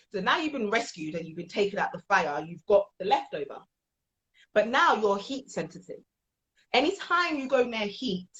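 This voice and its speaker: A woman working as a transformational coach, answering interview questions in an earnest, emphatic way and repeating phrases for weight. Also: medium pitch. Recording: dull, lo-fi sound.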